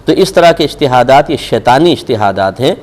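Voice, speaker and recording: Firm Pakistani-accented mufti admonishing. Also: male voice, medium pitch, expressive, darkish tone. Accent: Pakistani Urdu. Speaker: mufti answering viewers' religious questions. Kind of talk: live religious Q&A on TV.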